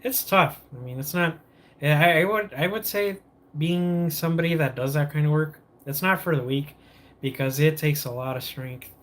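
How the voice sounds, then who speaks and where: A man's voice: fairly high pitch, normal speed, a bit bright. A man hosting a casual morning livestream, sipping coffee, greeting viewers and rambling, often losing his train of thought and restarting. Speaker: livestream host.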